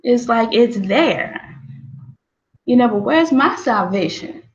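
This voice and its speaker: A woman's voice: a little high, expressive, slow, slight background noise. Rambling woman with a dull lo-fi sound. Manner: repetitive, many "you know"s and restarts. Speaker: host of her own show. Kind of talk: rambling casual monologue.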